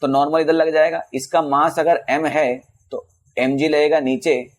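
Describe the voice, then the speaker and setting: Casual man teaching physics, slightly high. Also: level tone. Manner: casual, addresses students as bhaiya and beta; reads English questions slowly. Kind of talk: exam problem-solving lesson.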